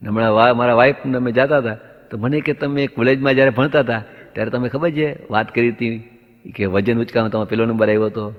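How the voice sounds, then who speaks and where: A male stand-up comic spins jokey anecdotes, switching between himself and the other characters as he builds to each punchline. His voice sits at an ordinary middle pitch. The sound is dull and lo-fi, with a long hall reverb trailing behind it. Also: fast talker. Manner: acts out both sides of dialogues in anecdotes, punchline delivery. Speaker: stand-up comedian.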